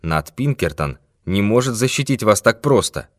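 A man's voice: on the low side, expressive, normal speed, no room sound, studio quality, voice pushed up, lightly acted. Man doing a firm, exasperated great detective. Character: great detective, stern but patient man.

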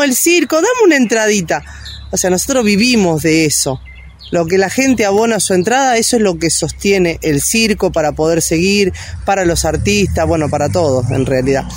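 An Argentine woman talking casually in an interview, rambling with many fillers and restarts. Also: medium pitch. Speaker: interviewee, circus worker.

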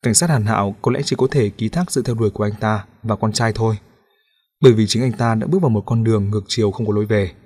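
A man narrating a novel for an audiobook, his voice low and slightly husky. He tells the story in a steady, even manner. The delivery stays measured throughout.

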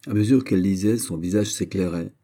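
A man narrating a classic novel as an audiobook in a measured, expressive way. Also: low-pitched, husky. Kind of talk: novel reading.

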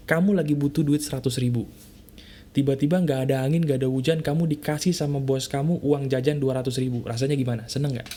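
A man's voice: medium pitch, mellow. A man giving a casual motivational talk straight to the listener, full of rhetorical questions, repeating his key points insistently. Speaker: motivational speaker.

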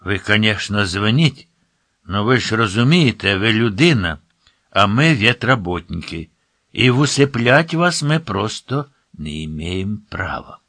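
A man voicing a hushed, nervous vet clinic woman. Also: fairly low pitch, lively intonation, a little slow, dry recording, studio quality, exaggerated voice. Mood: hushed pleading.

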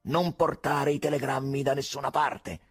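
A man's voice: mid-range voice, steady tone, moderate pace, fairly bright tone, slightly rough, no room sound, clean studio sound, voice pushed up. A man voicing a sinister, repulsive male caller with a nasal voice who mocks and threatens, in an audiobook. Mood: menacing. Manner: mocking, threatening.

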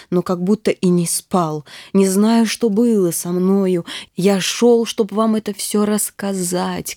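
A woman narrating a classic audiobook in a measured, lyrical way. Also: mid-range voice, mellow, no room sound, studio quality.

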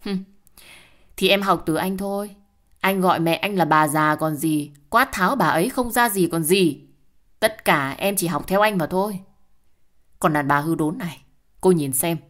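A woman voicing a spiteful, sharp-tongued young mistress who snaps and sneers in an audio story. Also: normal speed, pauses often, lightly acted. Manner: snide, shrill.

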